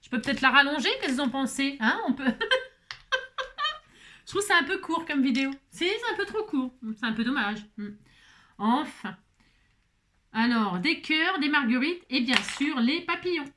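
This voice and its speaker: A woman's voice: high voice, animated, normal speed, long pauses, sharp tone. Chatty woman rambling through a craft tutorial. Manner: chatty, rambling, self-mocking asides; stutters and restarts often. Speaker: craft vlogger. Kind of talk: casual crafting tutorial chat.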